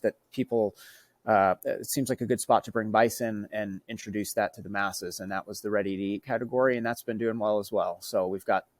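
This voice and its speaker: A man in his thirties from Norway, a bison rancher and guest in a casual interview, talking in a relaxed, halting way with many fillers and restarts. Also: fairly low pitch, no echo.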